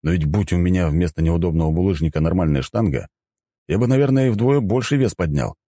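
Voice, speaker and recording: A man narrates a first-person audiobook in a low, deep voice. His tone is dark and mellow, and the sound is dry and close, with a steady storytelling read. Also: a little fast, dry recording.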